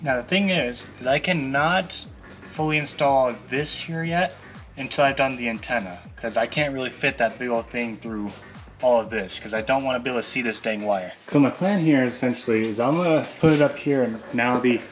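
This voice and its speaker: A hobbyist presenting a how-to video talks through a hands-on task casually and informally, rambling a little as he explains. His voice is medium-pitched and a bit fast, with soft music playing behind him.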